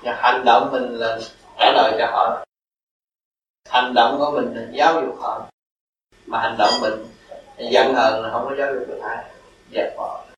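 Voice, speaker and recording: A man's voice: mid-range voice, level tone, measured pace, pauses often, a bit bright, roomy sound, recorded from a distance, muffled recording, a little hiss or hum. An older man giving a Buddhist dharma talk, answering a follower in a rambling, repetitive, folksy way and chuckling as he teaches.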